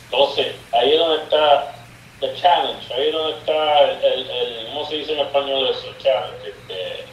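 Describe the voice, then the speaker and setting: The guest sorcerer, a man with a mid-range voice at normal speed, tells an interview story about his experiences in casual Spanish laced with English words, acting out the dialogue. His remote call line is echoey and distant, carrying faint noise.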